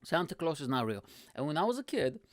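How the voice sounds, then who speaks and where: Host, man in his thirties from Bulgaria, slightly high voice, crude and rambling, close dry mic. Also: fast talker, no echo. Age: 30s. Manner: profane, rambling, animated, laughs often. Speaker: show host. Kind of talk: casual monologue to camera.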